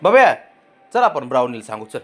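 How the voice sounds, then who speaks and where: A man's voice: medium pitch, big pitch swings, moderate pace, a bit bright. A man filming his pets, coaxing and questioning his cat in a sing-song baby-talk voice. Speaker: pet owner filming his cats. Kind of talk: casual pet vlog.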